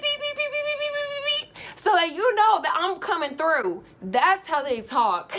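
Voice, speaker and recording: A young woman vlogger telling a casual, animated travel story, full of fillers. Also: fairly high pitch, slight background noise.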